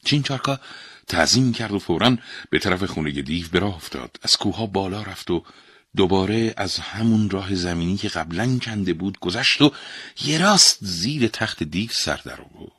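A man narrating a fairy tale in an expressive, dramatic storybook style. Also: low voice, slightly rough, no room sound, studio quality.

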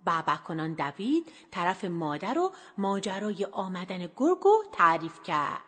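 A woman telling a children's story with lively, expressive narration. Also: fairly low pitch, husky. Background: music.

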